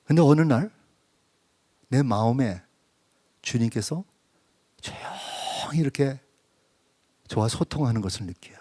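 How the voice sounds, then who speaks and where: A man's voice: mid-range voice, lively intonation, a little slow, pauses often, dark tone, husky, no room sound. A male preacher giving a sermon as a personal testimony, telling it intimately, sometimes sinking to a whisper and then rising into emphatic questions, with English phrases mixed in. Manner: mixes English phrases into speech. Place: church.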